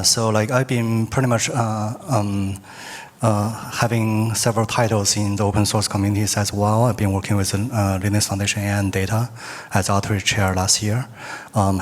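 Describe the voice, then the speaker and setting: A man from China introducing himself on a panel in relaxed, casual English with many fillers. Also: on the low side, moderate pace.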